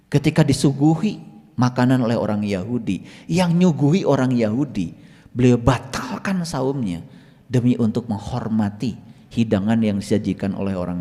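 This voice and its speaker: A middle-aged man giving a religious lecture as a Sufi teacher, animated, teasing his listeners, and swinging between loud and hushed delivery. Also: medium pitch. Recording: long hall reverb.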